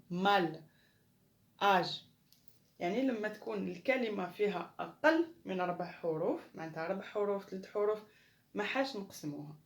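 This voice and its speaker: Algerian woman teaching, slow patient explaining. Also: mid-range voice, a little mellow. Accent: Algerian Arabic. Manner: patient explaining, spells out French words and rules slowly. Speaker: primary school teacher. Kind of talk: recorded language lesson.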